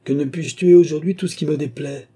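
A man's voice: on the high side, fairly even intonation, a little fast, dark tone, breathy edge, voice pushed up. A man voicing a capricious, pampered young countess who speaks petulantly and imperiously.

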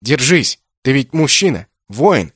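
A man voicing a stern young warrior who barks orders in a gruff, commanding tone. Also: mid-range voice, very animated, measured pace, fairly bright tone, dry recording, studio quality, full character voice. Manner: barking orders.

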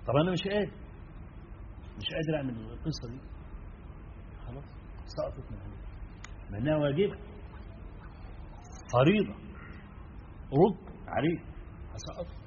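A man with an Egyptian accent preaching a sermon, turning from emphatic stress to quiet asides and checking in with his listeners. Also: medium pitch. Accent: Egyptian Arabic. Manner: swings between emphatic and hushed, asks listeners "right?". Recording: dull lo-fi recording with faint noise.

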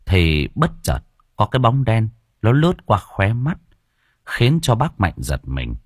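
A man narrating an audiobook story in an expressive, dramatic way. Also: fairly low pitch, unhurried.

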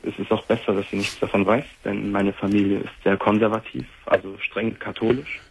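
A man's voice: on the low side, steady tone, fairly quick, gravelly, breathy edge, rough recording. A man in his twenties calling a talk show and talking about personal matters in a plain conversational way. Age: 20s. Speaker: caller.

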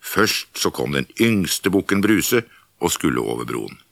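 A man reading a folktale as a storyteller, in scripted, expressive narration. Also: sits low, gravelly, no room sound.

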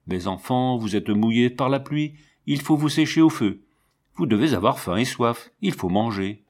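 A gruff old village clogmaker with a big, rough voice, softening into fatherly kindness, as a male narrator reads him. The pitch sits in an ordinary male middle range, with a storybook reading feel. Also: expressive, moderate pace, lightly acted. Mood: tender.

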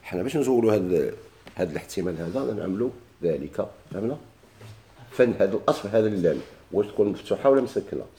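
A man with a Moroccan Arabic accent teaches a classroom grammar lesson, explaining a text in a lowish, warm, expressive voice at a fast pace. He poses questions, answers them himself, and often repeats key words.

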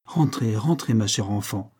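A man reading aloud, voicing a young gentleman who gives firm commands to a servant. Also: medium pitch, normal speed, close to an everyday voice. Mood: tender. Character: devoted young gentleman husband, protective.

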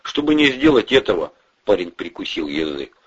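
A man narrating an audiobook in a lively, expressive reading. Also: deep voice, normal speed, husky, highs cut off. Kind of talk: scripted narration.

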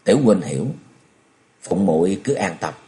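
A man voicing an earnest young swordsman hero who speaks low and firm. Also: expressive, moderate pace, mellow. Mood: resolute.

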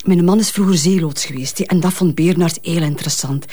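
An actress voices a grieving, protective mother in a Flemish crime drama, speaking hesitant, colloquial West Flemish full of repeated words. Her natural voice is on the low side and warm, her delivery brisk and chatty.

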